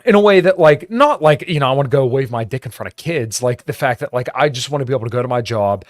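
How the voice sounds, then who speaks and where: A man's voice: medium pitch, animated, quick pace, no room sound, clean studio sound. A man hosting a podcast, talking politics casually with lots of swearing and "you know". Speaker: podcast host.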